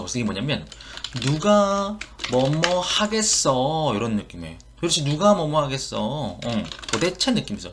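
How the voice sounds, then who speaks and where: A man's voice: a little high, a little hiss or hum. A man with a Korean accent teaching English expressions in an online lesson, repeating each phrase and explaining it.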